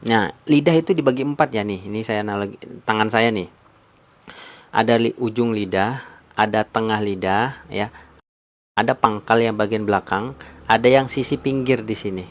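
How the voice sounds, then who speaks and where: A man teaching Quran recitation rules on a live stream, repeating points and quizzing his viewers. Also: medium pitch. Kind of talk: live-stream tajwid lesson.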